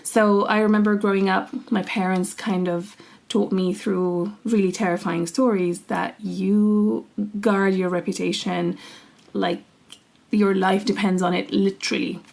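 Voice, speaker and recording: Unhurried and level in tone, this young woman from Syria speaks in a creaky, slightly mellow mid-range voice. As a podcast co-host she tells personal stories in casual conversation, earnest and quick to laugh.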